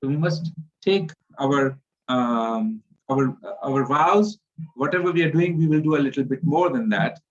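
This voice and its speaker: A man giving an earnest devotional sermon, telling a story with many halting fillers and repeats. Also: mid-range voice, lively intonation. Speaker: preacher. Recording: dull lo-fi recording.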